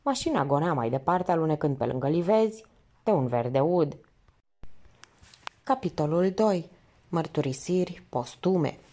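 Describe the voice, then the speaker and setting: A woman narrating an audiobook in a steady, measured reading voice. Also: lowish voice. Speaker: audiobook reader.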